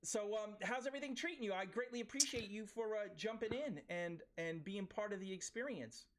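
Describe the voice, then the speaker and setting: A man's voice: sits high, fairly quick, fairly bright tone, a little hiss or hum. A man in his forties with a New York accent, hosting a podcast in casual, chatty interview banter. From Brooklyn, New York. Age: 40s. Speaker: podcast host.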